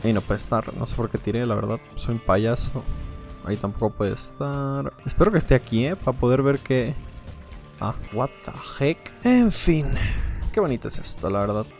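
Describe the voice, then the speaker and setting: A man's voice: medium pitch, expressive, moderate pace, gravelly, darkish tone, soft background music. A man giving playful, rambling let's play commentary, joking and laughing often. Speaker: gaming video creator.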